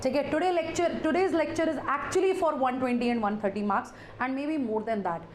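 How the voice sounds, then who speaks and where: A woman's voice: high voice, fast. A woman with a North Indian accent lecturing live to students as their teacher, repeating phrases, addressing them directly and dropping in Hindi interjections. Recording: echoey room, faint background noise.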